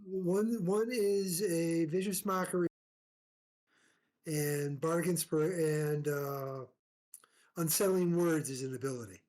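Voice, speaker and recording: Unhurried, hesitant player, mid-pitched, stop-start phrasing. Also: a little mellow. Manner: halting, many fillers. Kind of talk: casual game talk.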